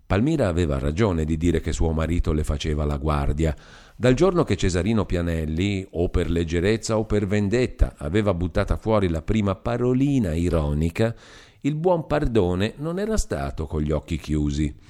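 A man narrating a classic novel in full, measured and expressive. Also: low voice. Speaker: audiobook reader. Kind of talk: literary audiobook narration.

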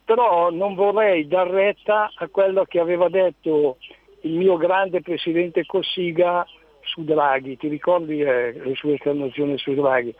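Radio show caller, man, high voice, tinny phone line, dry sound, rambling. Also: no room sound. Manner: rambling, halting with repeated words. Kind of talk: call-in chat.

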